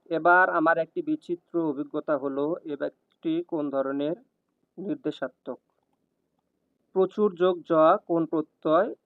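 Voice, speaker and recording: A man reading exam questions and their answers one after another in an even, steady cadence, like a tutor. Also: on the high side, a little slow, no room sound. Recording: tinny, dry, phone-like sound.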